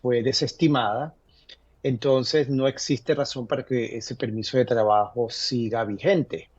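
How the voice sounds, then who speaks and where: A man explaining legal matters to viewers, pausing often on fillers and restarting his sentences. His voice sits in an ordinary middle register and comes through dry, with no room sound. The audio is dull and lo-fi, like a remote link. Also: medium pitch, steady tone, breathy edge, dry recording. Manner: halting, many fillers and restarts. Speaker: legal guest answering viewer questions. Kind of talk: live call-in advice segment.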